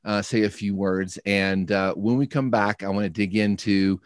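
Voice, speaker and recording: A man's voice: lowish voice, steady tone, normal speed, no echo, clean studio sound. A man hosting a podcast interview, asking friendly, rambling questions with lots of fillers. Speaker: podcast host. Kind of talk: casual interview.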